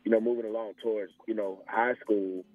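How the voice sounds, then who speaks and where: A former pro football player, a man in his forties from a small Alabama town, recounts his story as an interview guest in a relaxed Southern US accent, frequently saying "you know." His fairly low voice is flat and a little fast, with no echo, though the phone line sounds tinny and faint music plays.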